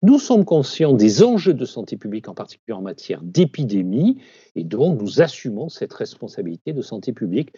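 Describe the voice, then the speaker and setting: A man's voice: medium pitch, sing-song, a little fast, warm tone, slightly rough, no room sound, highs cut off. A man who leads a doctors' union, giving firm, persuasive interview answers.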